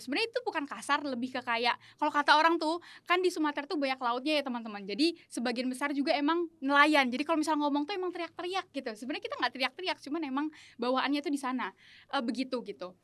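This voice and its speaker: A young woman in her early twenties from a remote island region, chatting excitably as an interview guest. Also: high voice, dry recording. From Anambas Islands, Indonesia. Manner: excitable, talkative, lots of fillers. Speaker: interview guest, veterinary student. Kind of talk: casual interview chat.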